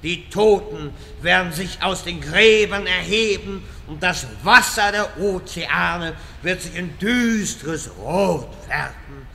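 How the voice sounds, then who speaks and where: Fantasy comedy wizard: male actor, long-winded and self-important, piercingly bright, slow delivery, faint noise. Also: high-pitched, creaky, heavily acted. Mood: grandiose doom. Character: rambling pompous male wizard obsessed with portals. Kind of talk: scripted fantasy comedy dub.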